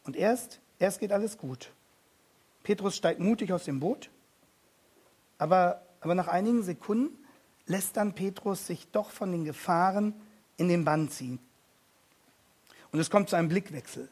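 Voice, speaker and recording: A male preacher delivers an emphatic sermon in a fairly high voice. His tone is husky, and he repeats key phrases. He swings from hushed, intimate passages to loud appeals. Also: moderate pace, long pauses.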